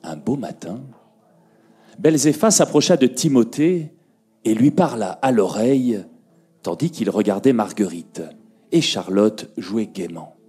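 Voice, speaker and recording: A man telling a fairy tale to a conference audience, slow and expressive, dropping his voice and lifting it for effect. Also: fairly low pitch, breathy edge, faint music behind. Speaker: storyteller. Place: conference room.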